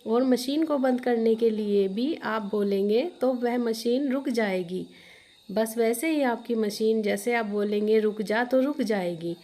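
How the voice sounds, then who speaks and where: A gentle magical girl, put on by a woman narrator, raising her voice higher to comfort and explain. Patient and reassuring, with a storybook feel. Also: unhurried, natural voice. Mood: soothing.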